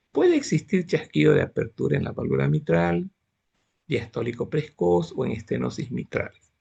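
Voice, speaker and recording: Gravelly, husky male medical lecturer. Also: fairly high pitch, a little mellow, muffled recording. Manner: explains step by step, asks students if they follow. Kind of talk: online class lecture.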